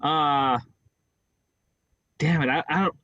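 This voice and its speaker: A man's voice: on the high side, fairly even intonation, slow, bright, forceful tone, dry recording, dull audio. A man co-hosting a podcast in casual chat, hesitant and stammering as he searches for words. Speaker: podcast co-host.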